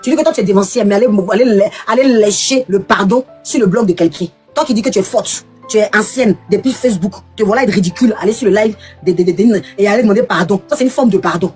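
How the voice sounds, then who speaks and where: Fast, combative woman ranting on a live. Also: mid-range voice, a little mellow, breathy edge, soft background music. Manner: combative, repeats her points. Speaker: live stream host. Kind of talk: heated live stream rant.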